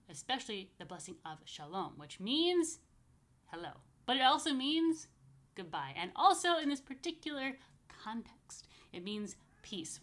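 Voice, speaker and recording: A woman rabbi with a medium-pitched, slightly bright voice runs a relaxed story time for small children in an apartment. She explains things simply and over and over, adding chatty, playful asides. Her talk is casual and child-friendly, religious in nature, with blessings.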